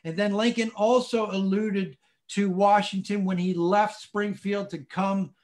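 A man, interviewing in a halting, deferential way over a video call. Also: high-pitched, steady tone, a little mellow. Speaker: interviewer, host. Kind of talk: conversational interview with read-out quotes. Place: indoor room, video call.

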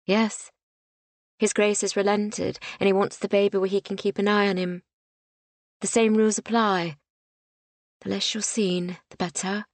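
A woman's voice: mid-range voice, little pitch movement, measured pace, long pauses, no room sound, lightly acted. A woman voicing a protective young noblewoman in an audiobook, giving firm, urgent instructions.

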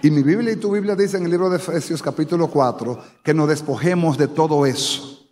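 Here the Dominican pastor's voice is fairly high, brisk, and slightly mellow. With his Dominican Spanish accent, this man from the Dominican Republic preaches to a live congregation in a church sanctuary, asking them questions, and the hall's reverb is audible on the recording.

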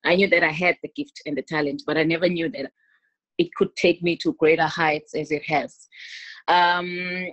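A South African woman in her 30s, a gospel singer, is a guest on a casual video-call interview from a small room at home, recorded through a laptop webcam. Her voice is low and steady, slightly bright, at a moderate pace. She's chatty, laughs often and restarts a lot, and the recording sounds dry and dull.

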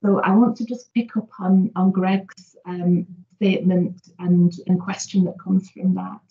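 Flat, gravelly woman chairing a webinar. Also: lowish voice, unhurried, phone-quality sound. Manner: steady, frequent backchannel agreement. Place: home room on a video call.

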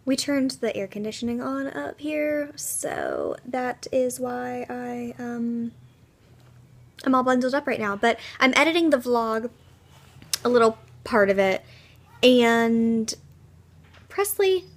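A young woman chats through her home vlog in a slightly high voice. She rambles cheerfully, full of fillers and little asides. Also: slow pace, creaky. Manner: chatty, upbeat, rambling with fillers. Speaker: vlogger. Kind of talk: casual vlog chat. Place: at home, indoors.

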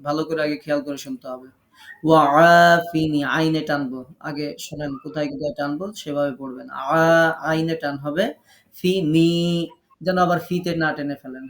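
A man with a slightly high voice leads an online recitation class. He corrects his students firmly and stretches each phrase out slowly so they can repeat it after him. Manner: corrective, drills slow drawn-out phrases for repetition. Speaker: Quran recitation teacher. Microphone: online class audio.

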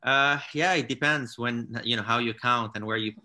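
A man in his thirties from Morocco, a founder talking in a casual interview over a video call from his living room, halting with many fillers and restarts. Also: medium pitch, bright, forceful tone. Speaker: founder and CEO, guest. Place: home living room with large window. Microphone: laptop or webcam on a video call.

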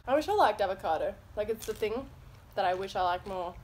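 A woman's voice: mid-range voice, expressive, fast talker, a little mellow. A woman chatting casually as a mukbang vlogger, giggly and chatty while talking with her mouth full. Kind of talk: casual chat while eating. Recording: noisy background.

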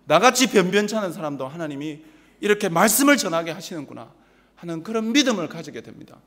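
A man from Busan with a Gyeongsang accent, preaching a sermon as pastor, telling humorous stories with animated mimicry. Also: sits high, quick pace. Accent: Gyeongsang Korean. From Busan, South Korea. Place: large church sanctuary. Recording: long church reverb.

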